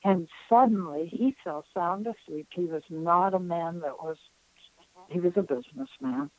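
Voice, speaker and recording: A spiritual counselor in her nineties is interviewed, recounting an experience earnestly and reflectively with frequent pauses. Her voice is fairly low and expressive, recorded with no room sound but poor audio quality.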